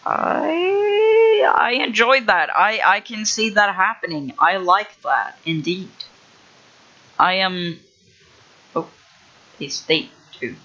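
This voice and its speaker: Young man, high bright voice, slow rambling talk, dull lo-fi audio, casual livestream. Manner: rambling, hesitant, lots of fillers and restarts. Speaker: livestreamer building a game level. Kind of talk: casual thinking-aloud livestream.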